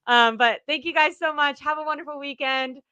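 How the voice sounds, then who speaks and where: A woman's voice: sits high, steady tone, a little fast, bright, forceful tone, no room sound, highs cut off. A woman co-hosting a casual sports chat, chatty and upbeat, often poking fun at herself. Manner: chatty, upbeat, self-deprecating. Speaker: co-host.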